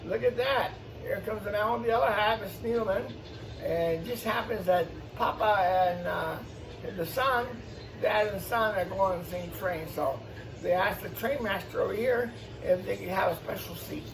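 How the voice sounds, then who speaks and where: A man with a high, gravelly voice hosts storytime, reading a picture book to young listeners at normal speed and tossing in exclamations and explanatory asides. A distant mic picks him up along with faint background noise.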